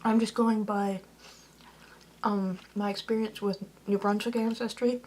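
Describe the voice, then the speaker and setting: A woman's voice: medium pitch, little pitch movement, unhurried, a little mellow, a little hiss or hum. A woman vlogging in a casual, rambling way, peppering her talk with "like" and correcting herself as she goes. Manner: chatty, lots of "like", self-correcting.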